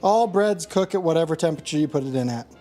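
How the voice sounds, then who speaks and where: A woman with a fairly low, mellow voice trades wry, matter-of-fact remarks while baking. Her tone stays dry and casual over soft background music. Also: expressive, quick pace. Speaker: home baker, co-host. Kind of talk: casual kitchen chat. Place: home kitchen.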